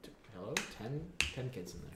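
A man's voice: medium pitch, animated, fairly quick. A man in his twenties hosting a casual podcast chat with friends, joking and teasing. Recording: roomy echo, faint noise.

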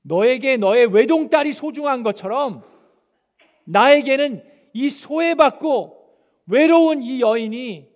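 Man doing a compassionate teacher, tender, reassuring, slow, high voice. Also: lively intonation, big-room sound. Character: gentle, compassionate divine teacher.

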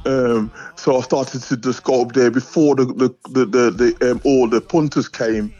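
A man's voice: mid-range voice, fairly even intonation, normal speed, mellow. A middle-aged man telling stories casually as an interview guest, animatedly acting out dialogue. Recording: dull, lo-fi sound.

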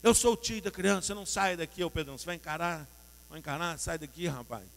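A preacher playing a blustering, hot-headed uncle. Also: male voice, a little high, quick pace, creaky, long reverb tail. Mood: defiant. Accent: Brazilian Portuguese. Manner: blustering, confrontational. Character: hot-tempered middle-aged uncle, combative.

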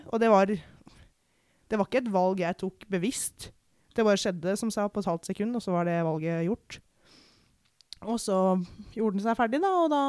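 A young woman from Norway giving a candid, reflective personal account in conversation, pausing and restarting often. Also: medium pitch, a little mellow, smooth, dry recording, clean studio sound. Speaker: podcast guest.

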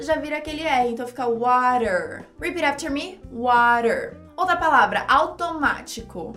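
A woman's voice: sits high, a bit bright. A Brazilian woman teaching English pronunciation in an upbeat online lesson, drilling words for the listener to repeat.

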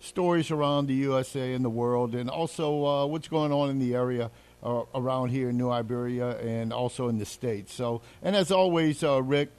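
A man's voice: medium pitch, normal speed, darkish tone, smooth. A man hosting a morning radio show in a folksy way, welcoming listeners from the studio.

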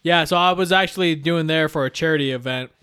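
A man's voice: fairly high pitch, quick pace, sharp tone, clean tone. A man co-hosting a casual sports podcast, spinning playful made-up stories. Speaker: podcast co-host. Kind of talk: casual chat.

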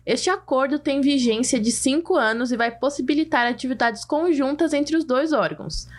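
A woman's voice: high voice, normal speed. A woman co-hosting a news podcast, reading scripted explanations in a friendly way and talking straight to listeners.

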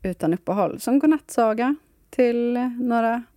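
A woman's voice: fairly high pitch, warm tone, no room sound. Woman podcast host, Stockholm accent, dry recording. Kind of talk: casual chat and reading aloud.

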